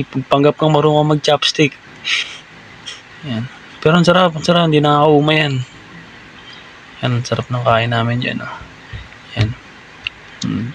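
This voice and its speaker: A young man with a Filipino accent talks over his travel footage in a loose, rambling way, often tagging a quick "no?" onto the end of a line. His voice has a gravelly edge, and faint noise hums under the recording. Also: medium pitch. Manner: chatty, rambling, tags lines with "no?"; admits he is still learning voice-over, unsure of his volume. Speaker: vlogger. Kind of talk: casual voice-over narration of a food trip vlog.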